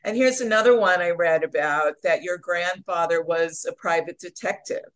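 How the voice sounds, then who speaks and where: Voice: medium pitch, moderate pace, fairly bright tone. A podcast host interviewing a guest in a casual, playful way, laughing often.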